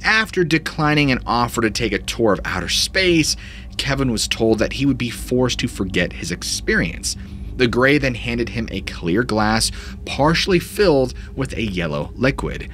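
A man in his thirties hosts scripted narration of paranormal stories from a small home studio, speaking into a studio mic in front of him. His mid-range, fairly bright voice is very animated at a normal speed, with dramatic storytelling that sweeps up and down, and a little hiss or hum is audible.

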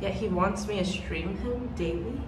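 Young female vlogger, playful and joking, mid-pitch, noisy eatery behind. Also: moderate pace. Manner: playful, teasing, laughs often. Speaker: vlog host. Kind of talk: casual chat. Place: busy eatery. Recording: noisy background ambience.

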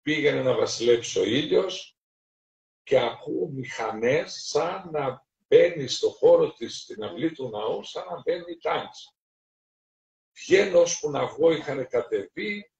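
Middle-aged greek priest telling stories, sounds far off and dull, echoey room. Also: male voice, medium pitch, gravelly. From Greece. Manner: lively anecdotal storytelling, acting out dialogue. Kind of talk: storytelling sermon talk. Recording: roomy, distant, dull lo-fi recording.

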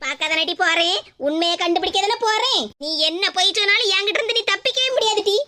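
A woman's voice: very high-pitched, fast, pushed and bright. A woman voicing a suspicious, scolding mother in a cartoon, with a Kanyakumari Tamil accent. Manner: scolding, nagging. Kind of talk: cartoon comedy dub.

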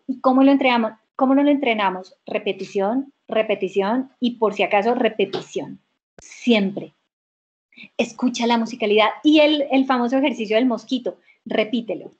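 A woman's voice: fairly high pitch, normal speed, darkish tone. A woman teaching a dubbing workshop, answering questions emphatically and repeating key words. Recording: muffled video call audio.

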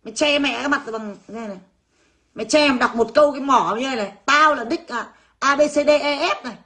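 Woman in her 30s, bit high voice, brash, swears a lot, blunt rant to viewers. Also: quick pace, fairly bright tone. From Vietnam. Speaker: vlogger. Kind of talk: ranting monologue to viewers.

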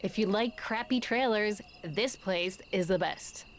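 A woman's voice: medium pitch, measured pace, slight background noise, natural voice. A woman voicing a sarcastic tough teen girl. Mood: sardonic. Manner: guarded, sarcastic. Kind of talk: video game dialogue.

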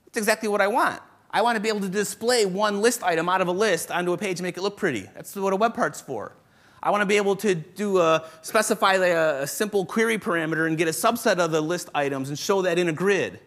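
A man presenting a live programming lecture to a room of developers, brisk and joking, thinking aloud as he demos code. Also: sits high, fairly bright tone. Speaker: conference presenter teaching developers. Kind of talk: live technical lecture with demo. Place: conference room with live audience.

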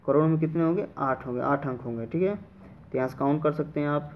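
A man's voice: a little high, a little fast, a little hiss or hum. A man teaching children how to read large numbers, asking questions and answering them himself. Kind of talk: classroom math lesson for children. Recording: dull lo-fi audio.

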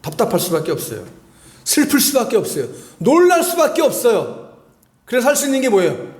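A man with a high voice preaches to his congregation, asking them questions and hammering points home through repetition. His words ring around an echoey church hall. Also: wildly swooping pitch, brisk, darkish tone. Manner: asks the congregation questions and repeats phrases for emphasis. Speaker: pastor. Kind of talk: sermon.

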